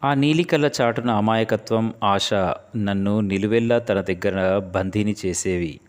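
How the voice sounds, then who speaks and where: A man narrating an emotional first-person love story in a soft, heartfelt storytelling manner. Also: fairly low pitch, a little slow, clean tone. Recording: long reverb.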